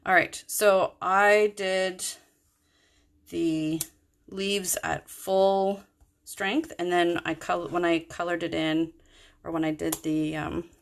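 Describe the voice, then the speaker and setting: Woman with the hiccups, casual card-making demo, low and unhurried. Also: level tone, gravelly. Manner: chatty, rambling, self-correcting. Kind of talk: casual craft tutorial.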